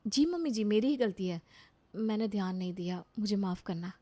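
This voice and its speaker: A dutiful young daughter-in-law in a storybook tale, as a woman narrator puts her on. She answers softly and obediently. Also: mid-range voice, lively intonation, a little fast, lightly acted. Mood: meek. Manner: soft, obedient.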